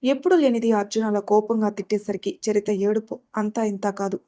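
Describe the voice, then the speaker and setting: Woman storyteller, even middle pitch, expressive audiobook read. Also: quick pace. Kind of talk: scripted audiobook narration.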